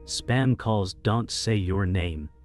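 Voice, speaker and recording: Wary woman pushing for answers, quiet and steady, a low-voiced guy reading her lines in a storybook. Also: slow, faint music behind. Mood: guarded, insistent. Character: wary adult woman confronting her partner.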